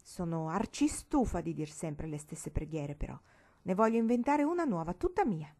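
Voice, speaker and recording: Una donna che legge dà voce a una bambina prepotente e sfacciata, con tono canzonatorio e saccente. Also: female voice, lowish voice, very animated, moderate pace, warm tone. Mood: bossy. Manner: teasing, self-important. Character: bossy cheeky little girl. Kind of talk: audiobook reading.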